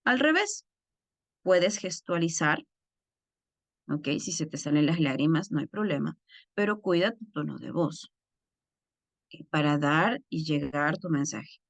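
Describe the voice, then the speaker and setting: Woman lecturer, lowish voice, dry close sound, explanatory, keeps checking in with listeners. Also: expressive, a little slow, vocal fry, long pauses, no echo. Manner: acts out example phrases in changed voices. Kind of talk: online course lecture.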